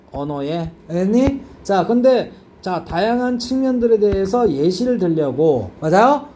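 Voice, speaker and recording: A man's voice: high voice, dark tone, a little hiss or hum. A man teaching an English grammar lesson, constantly checking in with students by asking if they understand. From South Korea. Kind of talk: classroom grammar lecture.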